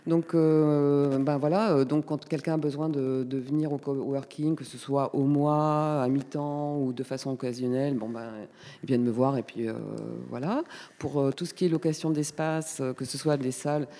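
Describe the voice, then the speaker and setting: A woman in her fifties from Paris, talking as a guest in a casual radio interview, chatty and pausing often with fillers. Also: low voice, steady tone, mellow, big-room sound. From Paris, France. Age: 50s. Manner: chatty, hesitant with many fillers. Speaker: guest, community space coordinator.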